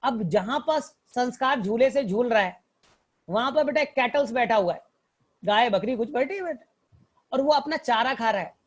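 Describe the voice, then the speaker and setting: A male biology teacher with a very high, lively voice tells a story at normal speed to help students remember examples of plants. He fondly calls them "child," repeats himself, and checks often that they understand.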